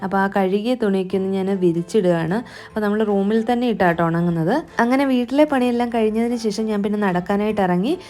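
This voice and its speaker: A woman's voice: mid-range voice, brisk, warm tone, soft background music. A woman vlogger narrating her household day in a chatty, friendly voice-over. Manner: chatty, friendly, often adds a conversational tag to sentences. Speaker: homemaker vlogger.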